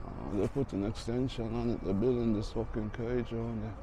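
A man's voice: medium pitch, steady tone, brisk, a crowd in the background. A middle-aged man from the United Kingdom, rambling casually as he films a walking tour on an outdoor street, chatting to himself and to passers-by. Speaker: vlogger. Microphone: handheld action camera, close. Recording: outdoor street recording with traffic.

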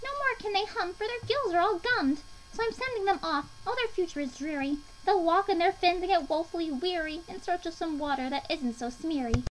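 A woman voicing an indignant, querulous old creature who speaks for the trees in a storybook, croaky and scolding in rhyme. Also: very high-pitched, brisk, hardly any pauses, voice pushed up, low-quality recording. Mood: angry, mournful. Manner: scolding, pleading, theatrical rhyming delivery.

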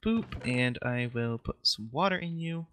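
A man's voice: medium pitch, animated, unhurried, a bit bright, slight background noise. A man co-hosting a casual co-op game session, teasing his partner and giggling while he crafts. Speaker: co-host gamer. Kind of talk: casual co-op gameplay chat.

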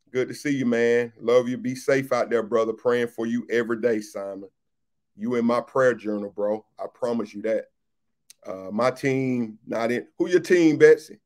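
Pastor guy hosting a livestream, easygoing chat with viewers, says stuff twice, mid voice. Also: mid-range voice. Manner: chatty, repeats phrases, greets viewers by name. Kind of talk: casual livestream chat reading viewer comments.

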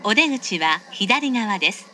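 A woman's voice: medium pitch, expressive, measured pace, sharp tone, a little hiss or hum. A woman reading a scripted automated train announcement in a formal, polite manner.

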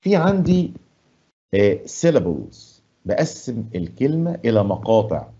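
A man with an Egyptian Arabic accent teaching an English lesson. He asks the class questions and answers them himself, and he stresses English words slowly and loudly. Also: medium pitch, very animated, slightly rough, muffled recording. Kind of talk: classroom lesson explaining grammar and pronunciation. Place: studio.

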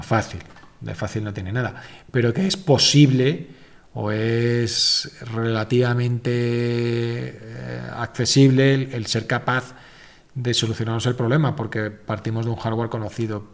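A man's voice: mid-range voice, fairly even intonation, a little slow, gravelly. A man hosting a casual live stream, answering viewer questions in a rambling, self-correcting, informal way.

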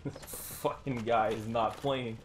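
A woman streamer giving live gameplay commentary, swearing constantly, laughing and yelling at the game. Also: very deep voice, measured pace. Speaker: gaming streamer. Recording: steady background noise.

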